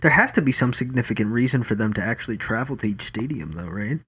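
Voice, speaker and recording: Man, podcast co-host, casual chat, profane joking banter, middle pitch. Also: expressive, fast, fairly bright tone, breathy edge.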